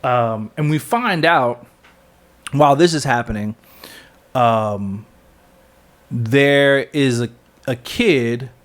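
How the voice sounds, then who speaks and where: A man's voice: mid-range voice, slow pace, pauses often. A man on a podcast casually retelling a comic-book story, rambling with lots of fillers and correcting himself as he goes. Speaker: podcast co-host.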